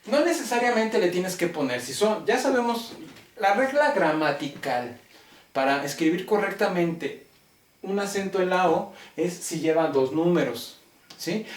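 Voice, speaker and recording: A man with a Mexican accent teaching a logic class, talking deliberately and constantly checking that students follow. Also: on the high side. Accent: Mexican Spanish. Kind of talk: classroom lecture. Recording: roomy classroom, mic far off.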